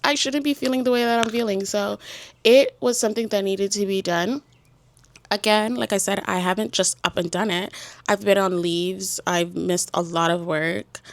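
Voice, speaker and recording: A woman's voice: medium pitch, fairly even intonation, normal speed, no room sound. A young woman with a congested voice, a small business owner talking candidly and earnestly to her vlog audience. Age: young adult. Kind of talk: casual personal vlog.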